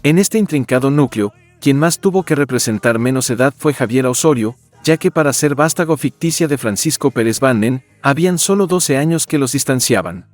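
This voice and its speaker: Male narrator, medium pitch, formal scripted explainer delivery over light music. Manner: formal, expository. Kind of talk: scripted documentary-style narration. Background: background music.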